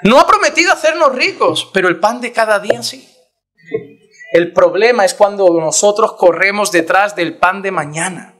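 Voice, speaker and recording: A man preaches a sermon in a very high, bright, ringing voice. He is animated, acting out the voices he quotes and firing off rhetorical questions, and faint music plays behind him. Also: normal speed. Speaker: pastor.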